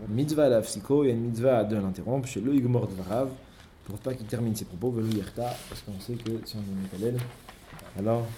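A man leads a Torah study lesson, working through the text step by step and sprinkling his speech with Hebrew terms. His voice is mellow and relaxed, and a faint hum sits behind him. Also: fairly low pitch, fairly quick. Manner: explains step by step, mixing in many Hebrew terms. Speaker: religious study teacher.

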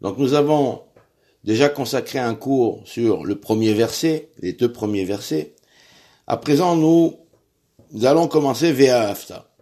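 Halting French-speaking man teaching prayer. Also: medium pitch, lively intonation, dark tone. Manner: halting, repeats words while searching; spells out Hebrew letters and prayer words. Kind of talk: religious lesson.

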